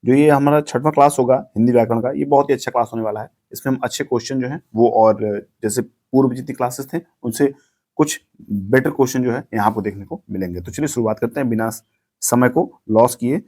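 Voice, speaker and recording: A young man with a north Indian Hindi accent teaches an exam-prep grammar lesson. He asks a question, then repeats the answer again and again so it sticks. His voice is warm and mellow, sitting at an ordinary pitch for a man. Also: brisk. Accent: Hindi-speaking north Indian.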